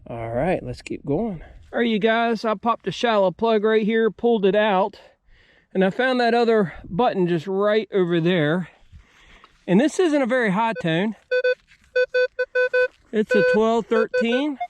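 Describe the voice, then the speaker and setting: A man's voice: high voice, animated, measured pace, long pauses, dry recording. An American man hosting a metal detecting video outdoors, talking viewers through each step in a casual, folksy way. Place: outdoors at an old homesite.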